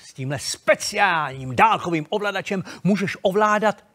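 Male host for a kids' show: high-pitched, playful and full of childlike enthusiasm. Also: animated, sharp tone. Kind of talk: children's TV presenting.

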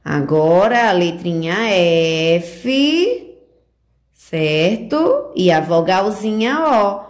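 Teaching preschoolers handwriting remotely, a Brazilian woman guides them through every letter stroke. Her teacher voice is slow and sing-song, packed with diminutives, fairly low in pitch with big swings up and down.

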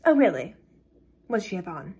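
A woman's voice: on the low side, big pitch swings, brisk, darkish tone, slightly rough, full character voice. A woman voicing a curious young woman who keeps pressing with questions, reading a dramatic script. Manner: questioning, prodding, incredulous.

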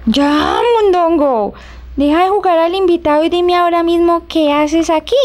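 Very squeaky girlish puppet lady. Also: normal speed, a little mellow. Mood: indignant. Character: squeaky, sweet but indignant female puppet guest presenter. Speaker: guest presenter. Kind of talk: puppet show dialogue.

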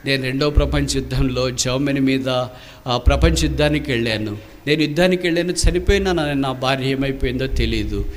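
A male preacher voicing a grieving old soldier who speaks slowly and haltingly. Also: mid-range voice, big-room sound, pitched below the performer's own voice, natural voice. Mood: sorrowful. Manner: slow, sorrowful, halting.

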